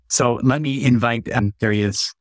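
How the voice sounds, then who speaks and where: A man in his forties hosting a virtual conversation, speaking earnestly and warmly about his work and his guest, close to a webcam in a small room. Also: medium pitch, moderate pace, dry recording. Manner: earnest, heartfelt, flowing. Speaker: interviewer and peacemaking trainer. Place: small room with curtained window. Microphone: phone or webcam close up.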